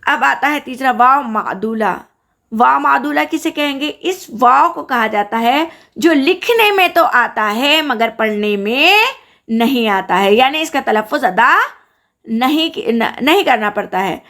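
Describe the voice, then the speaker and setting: Slow, careful woman teaching grammar. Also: high-pitched, animated, fairly bright tone. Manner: slow, careful, repeats example words with stress. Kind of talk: grammar lesson.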